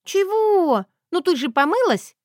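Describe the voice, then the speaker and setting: A woman voicing a brash, mocking young granddaughter in an audiobook, with a shrill taunting delivery. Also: big pitch swings, measured pace, no room sound, clean studio sound, full character voice.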